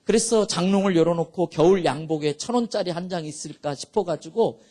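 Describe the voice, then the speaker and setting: A middle-aged man, a pastor, telling a personal story in an emotional sermon, swinging between soft and loud. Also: high voice, fairly quick.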